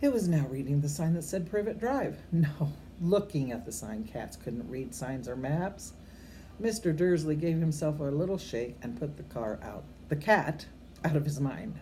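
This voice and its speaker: Reading to children at normal speed, this low-voiced older woman sounds like a grandmother sharing a storybook. She's expressive yet homely and unpolished, sometimes tripping over words and fixing them, and chats informally with the children along the way. The amateur recording has faint background noise.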